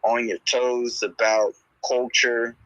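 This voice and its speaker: Rambling man telling stories in an audio chat, tense bright voice. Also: mid-range voice, little pitch movement, takes it slowly, no echo. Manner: rambling, heavy on filler words. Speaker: speaker in a live audio chat. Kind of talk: casual chat, telling a story. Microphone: online audio chat. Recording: dull lo-fi online audio.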